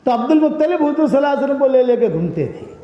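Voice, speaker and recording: High-voiced man preaching in an echoey hall. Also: very animated, highs cut off. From India. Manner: storytelling with emphatic repeated phrases. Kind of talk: sermon. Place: large hall at a women's religious school.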